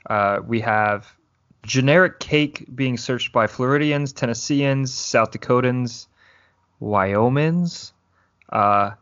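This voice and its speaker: A man's voice: medium pitch, takes it slowly, a bit bright, highs cut off. A man guesting on a casual podcast, laid-back with dry humor.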